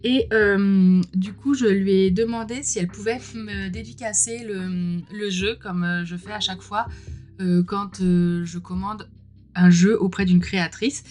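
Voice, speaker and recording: With soft music faint in the background, this tarot unboxing host chatters informally and enthusiastically, exclaiming as she goes. Her average-pitched voice has fairly even intonation and a slightly slow pace, and she clears her throat, being a bit under the weather.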